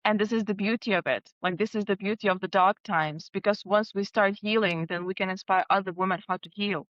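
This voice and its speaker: A Lithuanian woman, a guest and co-author on a podcast, chats casually in a mid-range, steady voice at a brisk pace. She's warm, laughs often, and keeps things flowing with plenty of fillers like "like." The audio is dull, with no echo.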